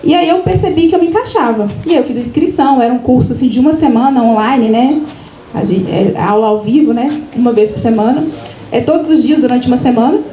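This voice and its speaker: At her book launch, an author from Minas Gerais, Brazil, casually tells personal stories to a live audience in an echoey event room with a faint hum of noise. Her voice is high and mellow, and she talks fast. She's chatty, often adding little tag questions and restarting her sentences.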